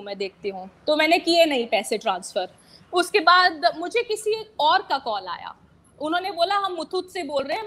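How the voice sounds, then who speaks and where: A young woman recounting in a casual interview how she was cheated, animated and switching between two languages. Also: high voice. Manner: animated, mixes English into Hindi, acts out quoted callers.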